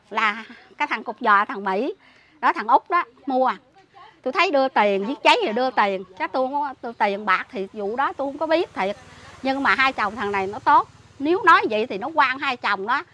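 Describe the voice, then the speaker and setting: This is an interviewee caring for a sick male relative, speaking with a Southern Vietnamese accent in an emotional spoken account. Her high voice is pushed and bright. Indignant, she hurries through what happened, often breaking off and starting over.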